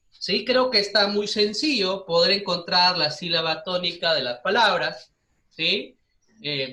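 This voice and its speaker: Man, Peruvian Spanish accent, schoolteacher, very bright voice, echoey room. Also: a little high. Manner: patient, asks the class questions and repeats answers. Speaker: primary school teacher. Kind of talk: online class lesson.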